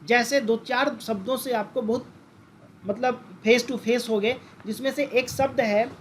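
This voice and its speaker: A very high-pitched man speaks at a measured pace with fairly even intonation, and a little hiss or hum runs through the recording. Teaching lecture-style, he calls his listeners friends, asks the class question after question, and repeats the key terms.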